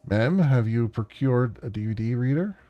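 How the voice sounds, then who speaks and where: A man's voice: mid-range voice, lively intonation, normal speed, dark tone, muffled recording, faint music behind, close to an everyday voice. A man voicing a formal, polite technician who speaks precisely. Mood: calm.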